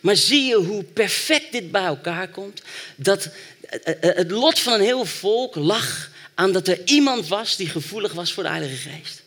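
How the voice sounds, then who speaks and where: A man delivering a sermon, his voice pitched high and bright. He tells the story with lively energy and then urges the listeners on with growing fervor. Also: a little slow. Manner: storytelling, rising to fervent exhortation. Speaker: preacher.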